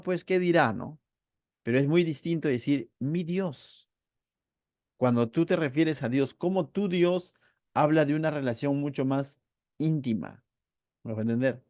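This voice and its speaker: Peruvian pastor with a dry, close sound. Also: male voice, on the high side, normal speed, no echo. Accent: Peruvian Spanish. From Peru. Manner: rhetorical questions to the listeners; acts out quoted cries loudly. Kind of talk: verse-by-verse Bible teaching sermon.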